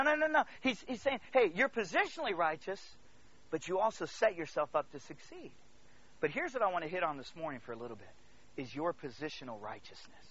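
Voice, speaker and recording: A Congolese man from Central Africa delivers an animated sermon to a congregation, his voice sitting high with no echo. He preaches emphatically, repeating phrases, checking in with listeners, and swinging between hushed asides and loud declarations. The audio is slightly dull.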